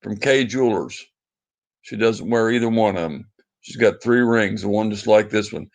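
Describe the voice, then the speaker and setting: A man's voice: lowish voice, moderate pace, gravelly. Pleading man, live chat host. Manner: pleading, sentimental, repetitive. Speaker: livestream host. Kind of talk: casual chat reading viewer comments.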